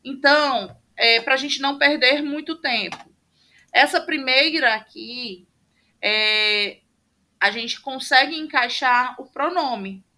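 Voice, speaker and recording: A woman's voice: sits high, takes it slowly, bright, forceful tone. A woman teaching a class over a video call, explaining step by step with patient fillers. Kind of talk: online class lecture. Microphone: computer mic on a video call.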